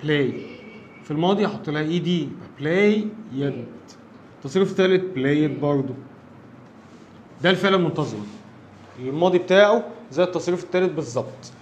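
A man's voice: on the high side, fast talker, pauses often, muffled recording, a little hiss or hum. A man with an Egyptian Arabic accent teaching an English grammar lesson, explaining step by step and often checking that his listeners follow.

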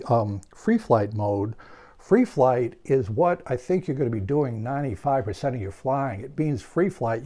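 A man's voice: medium pitch, dark tone. An older man giving a hands-on product tutorial in his home workshop, explaining steadily and stressing key points. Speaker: hobby reviewer.

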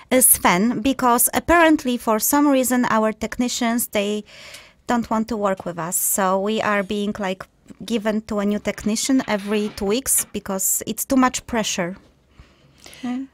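A woman's voice: a little high, a little slow, dry recording. Chatty young woman co-hosting a radio show. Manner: chatty, teasing, hesitant with fillers. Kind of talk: casual live radio chat. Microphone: studio microphone.

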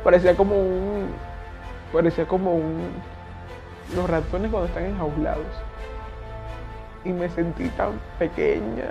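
A young woman gives a personal testimony in a quiet, halting way, often stopping to search for words. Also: lowish voice, fairly even intonation. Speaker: interviewee giving testimony. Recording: dull lo-fi audio with faint music.

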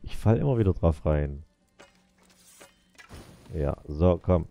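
A man's voice: low voice, lively intonation, takes it slowly, gravelly, mellow, soft background music. A man casually commenting while playing a video game, muttering to himself and talking to the characters on screen. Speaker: let's play gamer.

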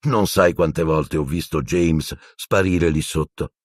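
Male narrator as calm middle-aged wizard mentor, measured, husky, dry studio read. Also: very deep voice, no room sound, full character voice. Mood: explaining. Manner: measured, explaining, mildly impatient.

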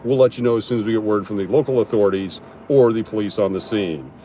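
A man's voice: fairly low pitch, fast, warm tone, slight background noise, close to an everyday voice. A man putting on a formal, upbeat TV news reporter voice for an on-the-scene report, outdoors on a city street. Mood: mock-formal.

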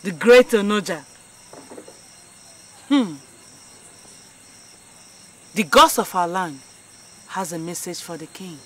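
A man's voice: high-pitched, takes it slowly, pauses often, a bit bright. A man with a Nigerian accent playing a solemn fortune teller who makes cryptic pronouncements for the gods in a village epic film. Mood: portentous. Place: inside a thatched shrine hut.

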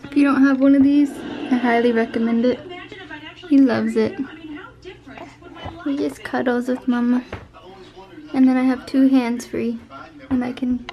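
High-voiced young mother vlogging at home. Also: little pitch movement, unhurried, long pauses, lo-fi sound. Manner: cooing baby talk to her infant. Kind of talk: casual home vlog. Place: home nursery.

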